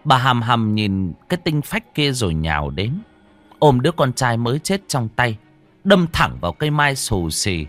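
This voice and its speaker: A man's voice: mid-range voice, very animated, moderate pace, a bit bright, faint music behind. Dramatic male ghost-story narrator. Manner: dramatic, varied delivery.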